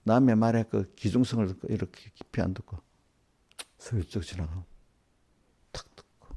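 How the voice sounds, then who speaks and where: A man with a lowish, warm, husky voice preaches at a moderate pace as pastor in an informal small-group sermon. Speaking directly to the congregants, he scolds them with rhetorical questions, one after another.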